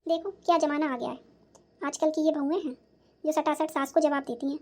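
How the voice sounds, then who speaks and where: A woman's voice: high-pitched, steady tone, brisk, darkish tone. A woman voicing a nagging, self-pitying old mother-in-law in a cartoon, scolding sarcastically. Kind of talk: cartoon voice acting.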